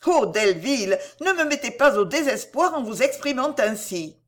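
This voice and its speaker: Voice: high-pitched, sing-song, moderate pace, fairly bright tone, pitched above the performer's own voice. A reader voicing a young woman in distress, anxious and tender, who sighs and falters, in an audiobook of a classic novel. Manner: sighing, faltering and breathless.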